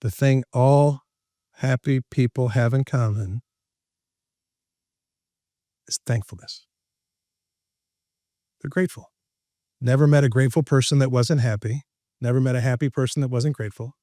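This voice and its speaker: Male motivational speaker as podcast guest: mid-pitched, animated, quick to joke, close and dry. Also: dry recording. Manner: lively, jokey, laughs at his own lines. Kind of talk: animated storytelling in conversation.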